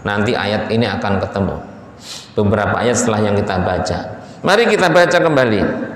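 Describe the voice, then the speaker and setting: A man giving a casual Quran commentary lesson in a mosque, colloquial and animated, often slowing to list things one by one. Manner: colloquial, animated, acts out Satan's pleading in a high voice, slows to list items. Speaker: ustadz teaching Quran commentary. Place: mosque hall. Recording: echoey mosque hall, distant mic, faint hum.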